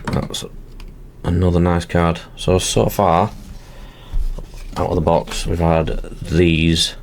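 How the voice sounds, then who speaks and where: A man with a low voice gives casual, running commentary as he works through a box of card packs. He is chatty and narrates each small step aloud as he goes. A faint background hiss sits under his voice. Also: fairly even intonation, slow. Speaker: channel host.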